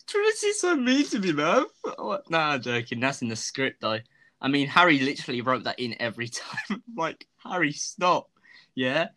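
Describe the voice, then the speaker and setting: A man's voice: medium pitch, very animated, measured pace, pushed and bright. A young man chatting casually as an interview guest, rambling, laughing and self-deprecating. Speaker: guest, fan video creator.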